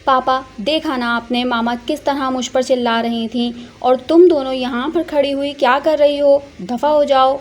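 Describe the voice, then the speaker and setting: A woman voicing a spoiled, hot-tempered rich young woman who talks in a loud, whiny, demanding way. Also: on the high side, steady tone, moderate pace, hardly any pauses, natural voice. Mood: furious.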